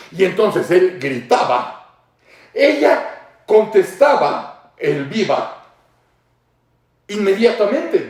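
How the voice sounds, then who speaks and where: A man with a Mexican accent hosting satirical political commentary, mocking and playful, acting out shouts and laughing often. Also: fairly high pitch, roomy sound, far from the mic. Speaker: host.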